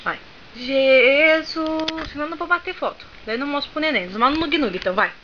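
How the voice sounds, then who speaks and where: A woman's voice: sits high, brisk. A young mother filming her small daughter at home, playfully coaxing and bossing her through a dance and silly faces. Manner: playful, coaxing, bossy commands. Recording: dull lo-fi home camera, clear background noise.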